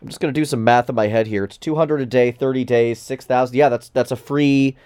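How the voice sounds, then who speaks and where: A man's voice: mid-range voice, fairly even intonation, a little fast, a little mellow, smooth, no room sound. A man co-hosting a casual gaming podcast, frank, thinking aloud as he works through numbers. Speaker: podcast co-host.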